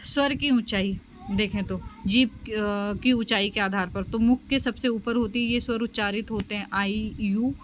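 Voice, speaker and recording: At home, a woman with a mid-range voice teaches a special education lecture at normal speed, explaining her slides. She uses lots of fillers and frequent "okay?" and "theek hai" checks, over poor audio with a little hiss or hum.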